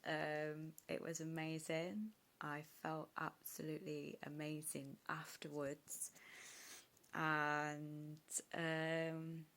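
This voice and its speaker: A woman's voice: deep voice, fairly bright tone. A young woman, talking to a phone camera in an upset, rambling, confessional vlog with lots of fillers. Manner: rambling, emotional, many fillers and restarts. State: upset, tearful. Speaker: vlogger. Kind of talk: casual confessional chat to camera.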